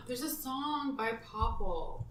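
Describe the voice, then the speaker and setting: A woman's voice: high voice, animated, takes it slowly, a bit bright. A woman guest chiming in casually from off to the side of the conversation. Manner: chatty interjections from the side. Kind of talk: casual chat. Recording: distant, roomy, noisy background.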